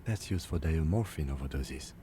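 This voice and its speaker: A man doing a calm, measured police lieutenant. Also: a bass voice, pitched below the performer's own voice. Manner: measured, quiet.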